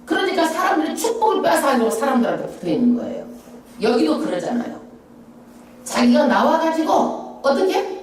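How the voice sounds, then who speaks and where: A middle-aged woman pastor preaching a Bible-study sermon, stressing her points with rhetorical questions. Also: a little fast. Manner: emphatic, rhetorical questions, lively swoops in pitch. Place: church sanctuary. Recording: echoey church hall, voice from a distance.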